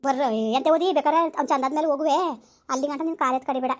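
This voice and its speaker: Rapid-talking middle-aged woman, firm but soothing. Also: high voice, fairly even intonation. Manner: firm, soothing, repeats her reassurances. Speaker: aunt on a phone call. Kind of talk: consoling phone talk.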